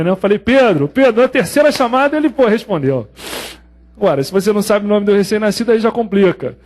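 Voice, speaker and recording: A man with a Brazilian Portuguese accent lectures on newborn care for an exam. His voice sits fairly high, and he teaches in a lively way, slipping into short acted scenes from the delivery room. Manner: lively storytelling, acts out scenes. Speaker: pediatrics lecturer. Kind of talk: exam prep medical lecture.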